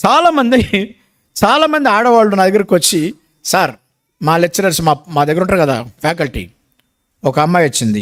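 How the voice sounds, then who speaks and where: An older man preaching a sermon, emphatic and rising to shouts at key points. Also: fairly high pitch.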